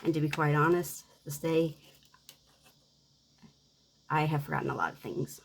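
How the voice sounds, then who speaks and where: A woman with a low, gravelly voice talks quietly through a casual savings-game vlog. She sounds worn out and short on energy, moving slowly and coughing now and then. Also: flat delivery, a little hiss or hum, poor audio. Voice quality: coughing at times. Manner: quiet, subdued, unhurried talk. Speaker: budgeting game creator.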